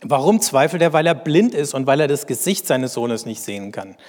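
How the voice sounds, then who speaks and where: A man reads scripture slowly and deliberately, then explains it in measured commentary. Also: mid-range voice, big pitch swings, a little mellow. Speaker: bible teacher. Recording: long hall reverb.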